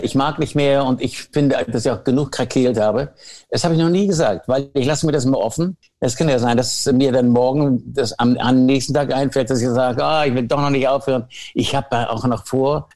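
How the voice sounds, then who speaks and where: A man's voice: medium pitch, normal speed, a little mellow. Older man rambling through anecdotes. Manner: rambling storyteller with frequent restarts and self-deprecating asides. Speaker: award-winning guest. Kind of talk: casual anecdotal chat.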